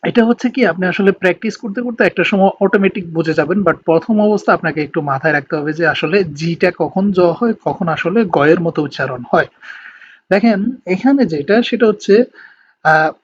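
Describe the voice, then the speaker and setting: A man from Bangladesh with a Bangladeshi Bengali accent, teaching an online language lesson in a patient, explanatory way and slowing down to spell out words. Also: high-pitched. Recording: slightly dull lo-fi recording with faint background noise.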